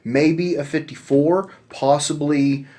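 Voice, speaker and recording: Thirties male podcast co-host, relaxed and casual, stumbles and restarts often. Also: a little high, slow. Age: 30s. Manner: relaxed, hesitant with many restarts. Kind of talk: casual chat.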